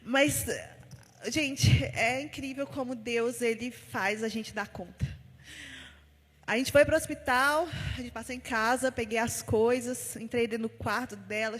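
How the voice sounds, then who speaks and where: Woman giving a heartfelt church testimony, echoing hall. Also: fairly high pitch. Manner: heartfelt storytelling, retelling conversations. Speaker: testimony speaker at a church service. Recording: long reverb of a large church hall.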